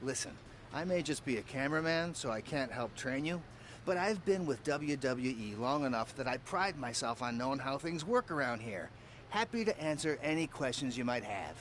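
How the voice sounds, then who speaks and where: A man's voice: medium pitch, lively intonation, moderate pace, fairly bright tone, a little hiss or hum, close to an everyday voice. An actor playing a friendly, older male cameraman who patiently explains things to a newcomer in video game dialogue. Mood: advising. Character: friendly veteran male cameraman, helpful mentor.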